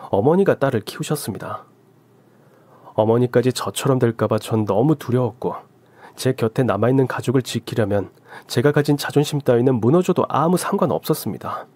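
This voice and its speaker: A man's voice: mid-range voice, animated, brisk, darkish tone, dry recording. A man in his forties narrating his own story in the first person, earnest and emotional.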